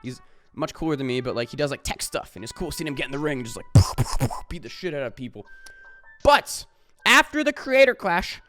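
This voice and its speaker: A man's voice: fairly high pitch, big pitch swings, a little fast, sharp tone, soft background music. A man talking to camera in a casual vlog, rambling with lots of fillers and casual swearing. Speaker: YouTuber.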